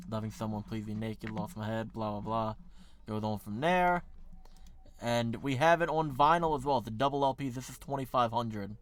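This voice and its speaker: A man's voice: lowish voice, a little hiss or hum. A man with an American accent talking casually on a livestream, rambling with lots of fillers and correcting himself as he goes. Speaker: streamer.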